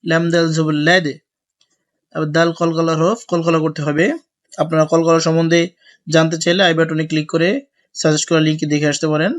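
Male Quran tutor with a somewhat high, even-toned voice; drills letters slowly, then explains quickly. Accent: Bangladeshi Bengali. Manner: slow, drawn-out recitation alternating with brisk explanation. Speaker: Quran recitation teacher. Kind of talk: spelling-out Quran lesson.

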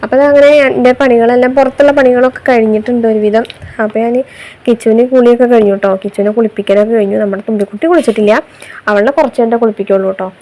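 A woman's voice: on the high side, steady tone, very fast. A young mother from Kerala, narrating her daily chores in a chatty voice-over. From Kerala, India. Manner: chatty, tags sentences with a soft "you know". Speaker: vlogger mother. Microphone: voice-over recorded separately.

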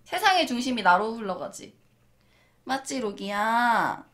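A young woman talks to her cats in a cooing, mock-polite way, as if she were a masseuse serving customers. Her voice sits high and swings widely up and down. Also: sing-song, a little slow, fairly bright tone. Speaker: pet vlogger. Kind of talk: playful chat to her cats.

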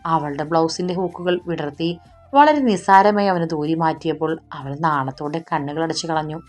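A woman reading a romance story aloud as an audiobook narrator, in a slow, soft and even way. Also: deep voice, soft background music.

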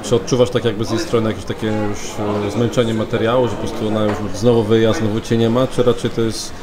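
A man's voice: lowish voice, flat delivery, quick pace, crowd noise. A man interviewing footballers behind the scenes in a teasing, joking way. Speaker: club media interviewer.

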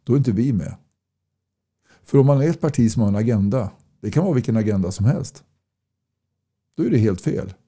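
A political campaigner talks casually to camera while reading viewer comments, blunt and folksy, driving his points home with repeated rhetorical questions. His medium-pitched voice is expressive, mellow and slightly rough, broken by long pauses.

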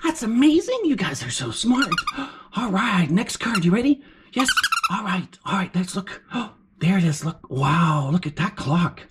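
A woman voicing an excitable, encouraging furry puppet as a kids show host, with gasps and exclamations while teaching children. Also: mid-range voice, measured pace. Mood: excited, encouraging. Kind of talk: children's lesson, sing-out praise and questions. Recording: clear background noise.

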